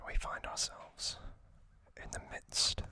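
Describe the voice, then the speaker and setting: A man hosting an ASMR series narrates trivia in a breathy, unvoiced whisper. He uses deliberate short phrases separated by pauses, and his tone is sharp.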